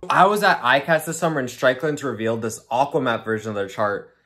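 A young adult man hosts a casual fishing vlog, talking upbeat and chatty about his tackle, gear and spots from an open boat at sea and from an indoor room. His mid-range voice is fairly quick and fairly bright, recorded dry with studio quality.

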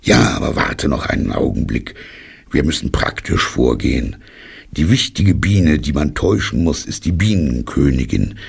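A man voicing a naive, thoughtful, honey-loving male bear in an audiobook, musing slowly and earnestly. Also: very deep voice, sing-song, exaggerated voice. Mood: scheming. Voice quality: gravelly, husky. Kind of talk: audiobook character reading.

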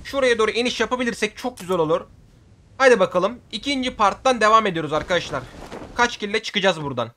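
A man giving excitable gameplay commentary for his video, often shouting at the game and using casual slang. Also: sits high, fast. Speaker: gaming video creator.

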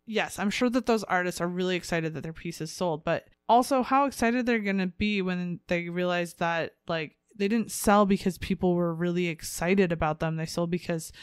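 A woman co-hosting a casual podcast, speaking her mind with blunt opinions and frequent laughs. Her voice is smooth and clear, set at a middling pitch. The sound is close and dry. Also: moderate pace, hardly any pauses, no echo. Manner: candid and opinionated, laughs often. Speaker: podcast co-host. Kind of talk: casual chat.

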